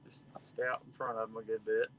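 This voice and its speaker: A man's voice: on the low side, little pitch movement, fast talker, fairly bright tone, slight background noise, rough recording. A man in his fifties chatting casually with fishing buddies on a boat. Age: 50s. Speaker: fishing partner. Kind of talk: casual chat.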